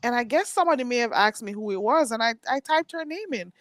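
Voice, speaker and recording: A woman's voice: a little high, animated, fast, fairly bright tone, no echo. A woman hosting a casual live stream chat, telling stories at length and laughing often, with a stuffy nose. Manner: chatty storytelling, laughs often.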